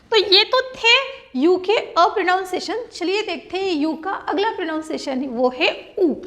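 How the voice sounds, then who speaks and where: Slow, lively Indian woman teaching phonics. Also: very high voice. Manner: spells out letters slowly, then says each word. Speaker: English teacher. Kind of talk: phonics lesson.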